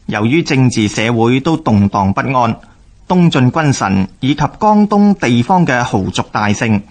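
A man with a Hong Kong Cantonese accent reads scripted historical narration for radio, formal and measured. His mid-range voice is a little mellow and swings widely in pitch.

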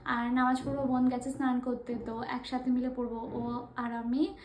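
Young woman family vlogger, high voice, chatty, talking to the guys from her kitchen on a phone cam. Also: level tone, normal speed, a little hiss or hum. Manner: chatty, addresses viewers as guys. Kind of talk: casual vlog narration to camera.

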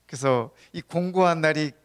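A man's voice: on the high side, moderate pace, smooth. A male pastor giving a sermon in a church, talking in a conversational way, telling stories and often asking the congregation to agree. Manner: tells humorous stories. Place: church sanctuary.

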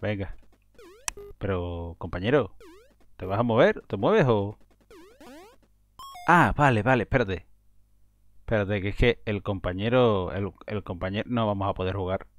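A man giving casual, excitable commentary while playing a video game, breaking into frustrated outbursts. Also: on the low side, a little slow, pauses often, no echo, dull audio, faint music behind. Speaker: gaming video host.

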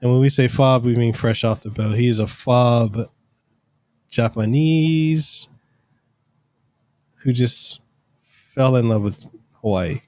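A man co-hosts a podcast from home on an arm-mounted studio mic, wearing headphones. His mid-range voice has a darkish tone, and he talks slowly and casually, pausing often and rambling through long explanations full of fillers.

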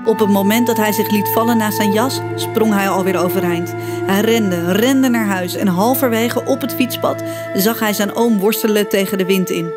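A woman reading a children's story aloud as scripted narration, expressive and lively, voicing the characters' cries. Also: mid-range voice, normal speed. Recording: music bed behind voice.

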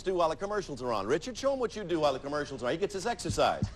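A man hosting a TV game show, bantering playfully with contestants and reading questions briskly in a studio. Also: on the high side, sing-song, over loud music.

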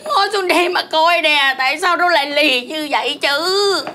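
A woman's voice: sits high, moderate pace, sharp tone. A woman playing a fussy, melodramatic mother-in-law in a comic folk-opera sketch, scolding and wailing. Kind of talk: comic folk-opera acting, spoken and sung. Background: folk music.

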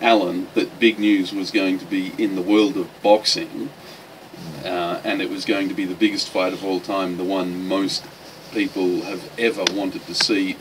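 A man's voice: sits low, far from the mic, slight background noise, rough recording. A man hosting a radio talk show from a studio, bantering and teasing his guests. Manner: jokey, teasing.

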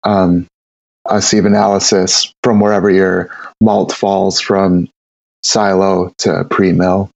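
Gravelly, rambling brewer talking shop. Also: male voice, sits low, level tone, slow, a little mellow, no echo, highs cut off. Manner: rambling, with many repeated words and fillers. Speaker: guest brewer. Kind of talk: casual technical interview.

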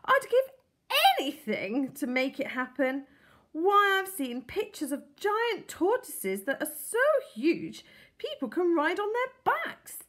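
A woman's voice: high-pitched, very animated, slow pace, husky, pitched above the performer's own voice, full character voice. A woman reading a storybook aloud, voicing a sweet, effusive middle-aged woman who dotes on her pet. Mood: insistent. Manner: effusive, pleading.

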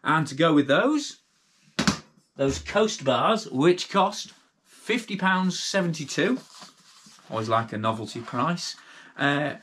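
Against a noisy background, a middle-aged British man speaks in a slightly high voice while hosting a casual late-night cycling gear review. Tired and chatty, he rambles with lots of fillers and restarts in British English, set in an indoor workshop with bikes and a brick wall.

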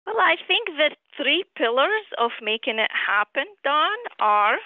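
A middle-aged woman from Syria speaks in a measured, earnest tone as an interview guest. Her voice comes through a tinny, narrow phone line. The sound is dry and close, with no room around it. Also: high voice, big pitch swings, no room sound. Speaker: author and physician guest. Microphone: telephone.

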